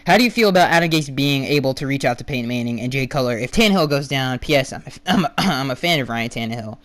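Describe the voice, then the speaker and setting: A young man hosting a casual solo podcast, answering fan questions bluntly with lots of restarts, his voice going hoarse. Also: medium pitch, lively intonation, fast, fairly bright tone. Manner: rambling, restarts and fillers, blunt opinions. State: losing his voice.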